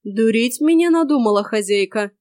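A woman voicing an earnest warrior hero who speaks in a gruff, solemn, old-fashioned way. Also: on the high side, animated, moderate pace, a little mellow, dry recording, clean studio sound, close to an everyday voice.

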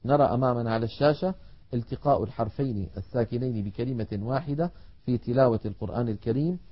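A male teacher of Quran recitation gives a patient, methodical televised lesson at a middle pitch. He stretches out each example word slowly before explaining it. The recording sounds dull and lo-fi. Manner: measured explanatory delivery, drawing out example words slowly.

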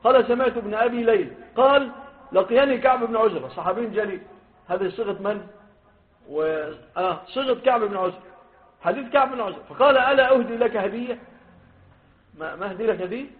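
Man, Egyptian Arabic accent, fast lively teaching, high voice, tinny phone-like sound. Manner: lively, stresses quoted wordings, asks the class questions. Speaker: sheikh teaching hadith. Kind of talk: classroom hadith lesson. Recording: phone-like lo-fi recording.

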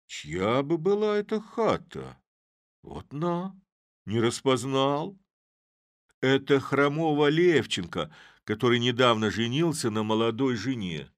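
Brief: man playing a crafty old village grumbler, muttering to himself, lively pitch. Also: slow pace, no room sound. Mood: musing.

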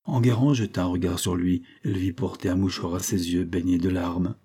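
Male reader for historical fiction, steady, husky, mellow low voice. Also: brisk. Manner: steady literary reading. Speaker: narrator. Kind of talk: audiobook narration of a historical novella.

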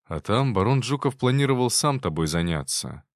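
A man voicing a frightened young male servant who confesses in a halting, hesitant way, read as an audiobook character. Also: mid-range voice, sing-song, no room sound, studio quality. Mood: confessing.

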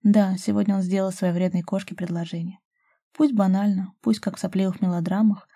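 A woman reading a romance novel aloud as an audiobook narrator, in a soft, intimate, even manner. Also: medium pitch.

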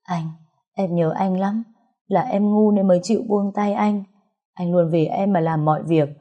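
A woman's voice: mid-range voice, fairly even intonation, normal speed, dull audio, natural voice. A woman voicing a grief-stricken pregnant young woman who pleads through sobs. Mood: longing. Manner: sobbing, pleading.

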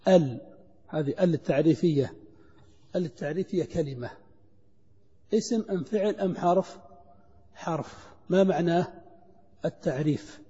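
A man's voice: on the high side, mellow. A middle-aged man teaching an Arabic grammar class, quizzing students and drilling their answers. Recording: dull lo-fi lecture recording in a hall.

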